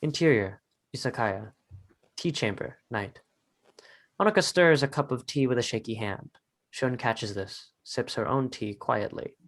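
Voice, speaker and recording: Taking an unhurried pace, the same kind of narrator voice, a medium-pitched man, delivers the stage directions of a dramatic reading from a script.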